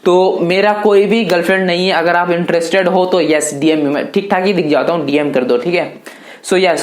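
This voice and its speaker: A man's voice: high voice, steady tone, normal speed. An eighteen-year-old man answering viewer questions in a casual, chatty vlog, loosely talking to viewers as brothers. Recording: echoey room.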